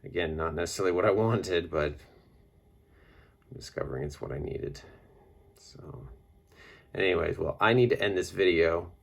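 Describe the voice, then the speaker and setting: Very deep, gravelly man rambling. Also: measured pace, long pauses. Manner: rambling and reflective, many fillers. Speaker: vlogger on a water fast. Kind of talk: casual personal vlog.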